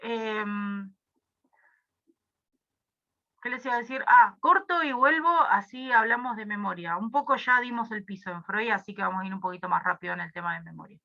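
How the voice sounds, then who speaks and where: A woman's voice: medium pitch, normal speed, gravelly, pushed and bright, dull audio. Rambling Argentine woman tutoring online. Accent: Rioplatense Spanish. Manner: casual, rambling, with many fillers. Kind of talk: online review class.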